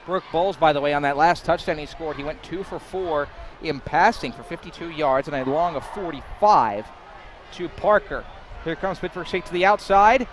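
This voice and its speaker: Young man, play-by-play commentator, excitable, slightly high voice, faint background noise. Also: normal speed. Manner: excitable, rises to shouts on big plays, some stumbles. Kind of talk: live college football play-by-play.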